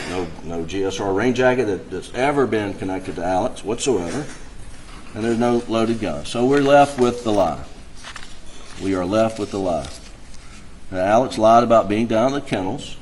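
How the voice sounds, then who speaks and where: A man delivering an emphatic, impassioned closing argument to a jury, halting and repeating phrases to drive points home. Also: on the low side, a little mellow, slight background noise, poor audio. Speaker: defense attorney. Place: courtroom.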